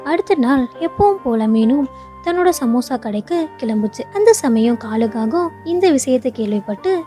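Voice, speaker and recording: A woman narrating a children's cartoon story, calm and storytelling. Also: fairly high pitch, normal speed, faint music behind. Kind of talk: scripted narration.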